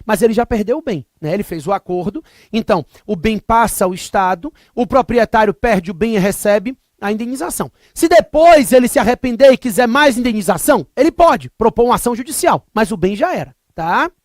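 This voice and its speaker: A man's voice: high voice, lively intonation, fairly quick, no echo, studio quality. Jokey Brazilian man lecturing on law. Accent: Brazilian Portuguese. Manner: emphatic, repetitive, jokey digressions. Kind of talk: recorded exam-prep lecture with comic anecdotes.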